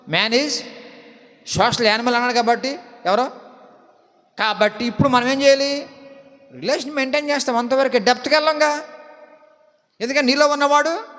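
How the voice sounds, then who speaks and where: A man with a coastal Andhra Telugu accent, a pastor preaching a sermon, swinging between loud declarations and hushed asides. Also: extremely high pitch. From India. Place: church prayer hall. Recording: long hall reverb.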